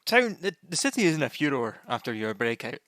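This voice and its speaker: A man running a tabletop game as game master, improvising in a halting way. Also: medium pitch, very animated, fairly bright tone, no echo, studio quality.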